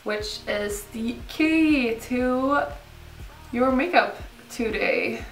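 A young woman gives a relaxed, informal makeup tutorial in a roomy indoor space. Her voice sits a little high, and she explains each step casually and without hurry. Soft music plays behind her. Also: drawn-out words. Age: young adult. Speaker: beauty vlogger. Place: indoor room set up for filming, backdrop. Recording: roomy, slightly distant mic, music behind.

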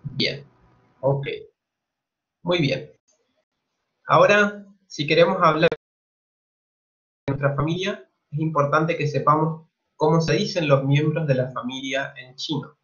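Slow, patient male Chilean language teacher. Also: a little high, fairly bright tone, highs cut off. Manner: slow, patient, repeats each word twice. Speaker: Mandarin teacher. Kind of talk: online language lesson.

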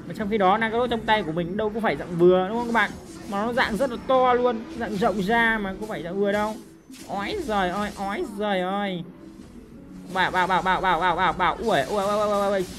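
Excitable woman. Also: mid-range voice. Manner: excitable, full of loud exclamations and repeated cries. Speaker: game streamer. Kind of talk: live gameplay commentary. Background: game music and sound effects.

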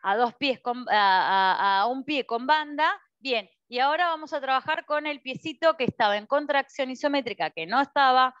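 A woman with an Argentine Spanish accent leads a Pilates class, giving encouraging cues and often checking in with the students. Her voice sits high. The recording is dry and a little muffled. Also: moderate pace, hardly any pauses, a bit bright, clear, resonant tone, dry recording. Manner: instructive, encouraging, cueing movements with frequent "¿sí?". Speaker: Pilates instructor. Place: Pilates studio.

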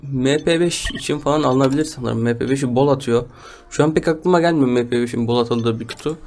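A man's voice: medium pitch, a little fast, darkish tone. A man giving casual gameplay commentary as a gaming YouTuber, chatty with his viewers and grumbling and laughing at his bad luck. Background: background music.

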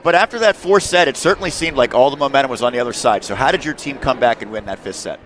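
A man's voice: mid-range voice, fast, fairly bright tone, a little hiss or hum. Polished male sports host on headset. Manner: polished broadcaster, long setup questions. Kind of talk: postgame sports interview. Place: empty indoor gym courtside. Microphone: headset mic.

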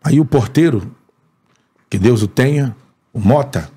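A man's voice: mid-range voice, unhurried, slightly rough. A man with a Brazilian Portuguese accent, a comedian and impressionist, telling a story in a podcast studio and acting out every scene. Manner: animated, acts out every scene.

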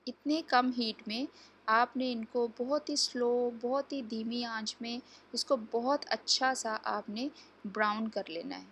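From her home kitchen, a cooking channel host talks viewers through each step of a recipe in a chatty, instructive way. Her voice is a little high and a bit bright, with a breathy edge, and she takes her time; the recording quality is low.

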